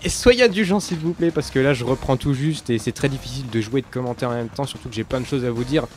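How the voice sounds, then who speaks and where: A young man casually commenting on a shooter game as he plays, rambling, losing his thread and filling pauses with many hesitations. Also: medium pitch. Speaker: let's play commentator. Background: game sounds and music.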